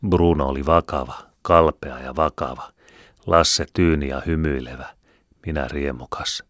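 A man reading a first-person story aloud in a measured, solemn, reflective way. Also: a bass voice, steady tone, a bit bright, no room sound, studio quality. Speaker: audiobook narrator. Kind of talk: scripted first-person narration.

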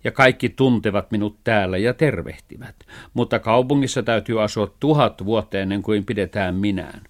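Reading a children's story, a man gives voice to a thrifty, practical male cat, speaking in a brisk, matter-of-fact way. His natural voice leans low.

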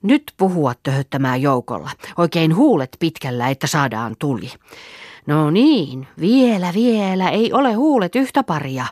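A woman voicing a bossy young farm girl who shouts brisk commands while playing at herding, in a storybook reading. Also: sits low, sing-song, no room sound, studio quality. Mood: coaxing.

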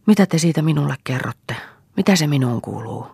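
A woman's voice: deep voice, lively intonation, vocal fry, breathy edge, dry recording, studio quality, voice pushed up, full character voice. A woman reading an audiobook, voicing a proud, desperate young mother who snaps back defiantly. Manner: sharp, defiant retorts.

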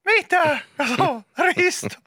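A man putting on the voice of a surprised, flustered middle-aged mother with high, squealing, drawn-out exclamations. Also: expressive, sharp tone, no echo, clean studio sound, exaggerated voice. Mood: astonished.

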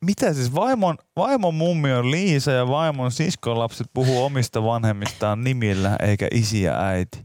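A man hosting a podcast in casual chat, telling stories in an animated, exaggerated way with loud exclamations. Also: medium pitch, few pauses. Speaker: podcast host.

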